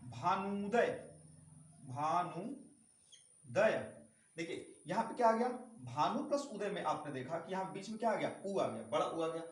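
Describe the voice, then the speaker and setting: A male teacher with a high voice talks through a grammar lesson in a clearly echoing room. He stands off from the mic, so he sounds distant. He goes step by step, repeats the key sounds and keeps asking rhetorical questions.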